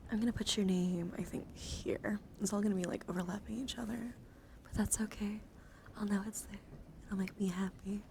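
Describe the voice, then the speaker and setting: Speaking in a soft, breathy, mid-range voice that's often whispered, a woman hosts an ASMR livestream as a livestreamer and VTuber. She rambles gently in whispered chat with her viewers, over clearly noisy ambient background sound.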